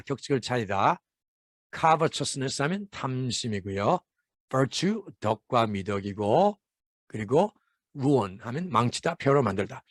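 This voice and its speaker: A man explaining Bible verses word by word as an English lesson, reading the English phrases slowly and carefully. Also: mid-range voice, no room sound, studio quality.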